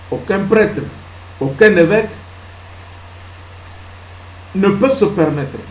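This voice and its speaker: Male pastor, lively fairly high voice, emphatic sermon delivery in a reverberant hall. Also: a little hiss or hum. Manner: emphatic preaching that swings between loud peaks and hushed asides; asks the congregation questions and answers them himself. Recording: echoey hall with faint ambience.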